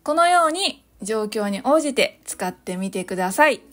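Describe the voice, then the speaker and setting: Cheerful podcast teacher, woman, higher pitch, light music underneath. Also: very animated, a bit bright. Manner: cheerful, explains slowly, models English phrases. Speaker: English teacher, podcast host. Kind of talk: solo English lesson podcast.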